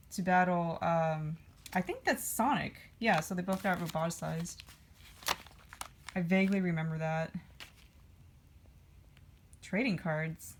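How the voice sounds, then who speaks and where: A woman's voice: on the low side, slight background noise. A woman vlogger rambling casually while flipping through her old comics, with dry offhand asides. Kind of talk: casual vlog chat.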